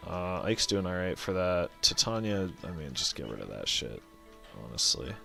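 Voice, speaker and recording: Male let's play host, low and gravelly with a forceful edge, rambling and profane, faint game music under. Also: very animated, normal speed. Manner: thinks aloud, rambling and self-correcting, swears casually. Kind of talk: casual gameplay commentary.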